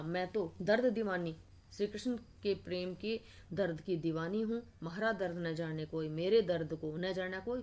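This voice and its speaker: Speaking with a fairly low pitch and a darkish tone, a woman who teaches Hindi literature reads devotional verses one line at a time before patiently lecturing on the meaning of every word. The session is a line-by-line lesson explaining poetry.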